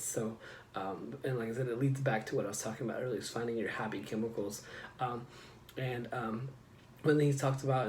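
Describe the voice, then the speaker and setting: A man talks casually to his audience in a personal vlog, his voice sitting at an ordinary middle pitch. He rambles, circling back with fillers and restarts as he goes. There is a faint noise in the background. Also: a little mellow. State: getting emotional. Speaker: vlogger. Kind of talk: casual personal talk to camera.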